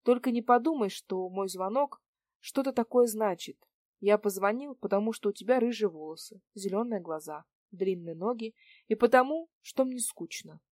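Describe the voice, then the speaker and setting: A woman's voice: medium pitch, moderate pace, darkish tone, dry recording, clean studio sound, close to an everyday voice. A woman voicing a spoiled, cynical man around forty who needles and mocks. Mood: pushy, sarcastic. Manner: sarcastic, needling questions.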